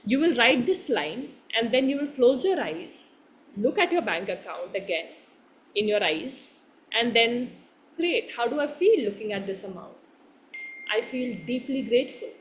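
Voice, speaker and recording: A woman's voice: on the high side, very animated, moderate pace, a little hiss or hum. A woman with an Indian English accent guiding a live workshop exercise. She encourages the group, laughs often, keeps checking that they follow along, and mixes Hindi phrases into her English. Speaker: workshop coach.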